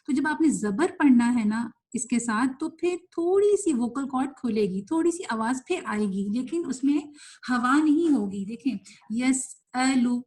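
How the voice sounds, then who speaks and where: A woman teaching Quran recitation in an online class, explaining quickly and mixing in English words, then reciting words slowly and stretched out. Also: high-pitched, expressive, a little mellow. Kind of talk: online tajweed lesson, live class.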